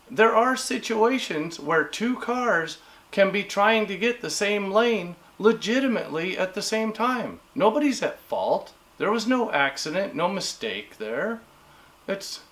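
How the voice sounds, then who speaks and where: A man's voice: high voice, a bit bright. A man vlogging in a casual, rambling rant, exasperated and leaning on "you know" and "man". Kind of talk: casual ranting monologue.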